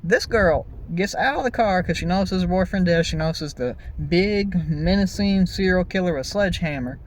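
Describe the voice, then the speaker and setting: Speaking at normal speed in a high voice, a man delivers ranting, comedic film review commentary full of exasperation and profanity. His storytelling style is conversational, with exaggerated emphasis and repeated phrases, and the recording quality is low.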